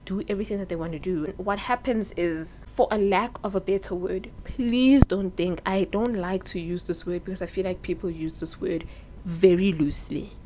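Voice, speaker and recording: Her lowish, somewhat dark voice comes through poor audio with a slight hiss or hum. She's a South African woman in her early twenties, seated inside, offering sincere and open advice in a vlog on her own mic, which pops.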